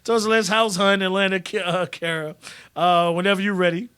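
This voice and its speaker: Man, live stream host, casual chat, blunt and profane, high voice. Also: fairly even intonation, brisk, pushed and bright, clear, resonant tone. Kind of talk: casual chat reading viewer comments.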